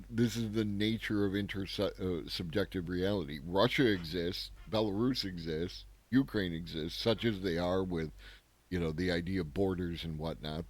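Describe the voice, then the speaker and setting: A man's voice: deep voice, dry recording. A man hosting a daily news commentary show, talking casually and sarcastically, thinking aloud and often tagging his points with a questioning "right?".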